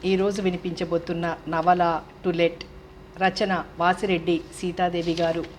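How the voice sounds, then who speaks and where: A woman narrating a novel as an audiobook in a calm, steady storytelling manner. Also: on the low side, a little slow, a little hiss or hum.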